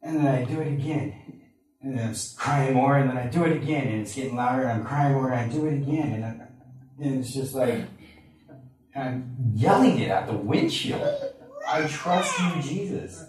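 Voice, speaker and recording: A man's voice: mid-range voice, brisk, darkish tone. A man, a pastor, earnestly telling a personal story during a sermon in a conversational way. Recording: echoey room, mic at a distance.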